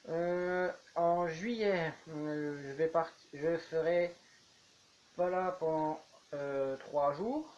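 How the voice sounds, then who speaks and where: A man's voice: a little high, takes it slowly, a little mellow, dull audio. A man chatting casually while building in a game, rambling on as he goes. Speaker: YouTuber. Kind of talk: casual gameplay commentary.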